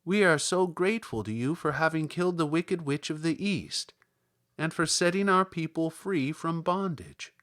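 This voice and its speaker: A man voicing a kindly tiny old woman who speaks calmly and sweetly, as an audiobook character. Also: a little high, normal speed. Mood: welcoming. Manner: calm, sweet and gently matter-of-fact.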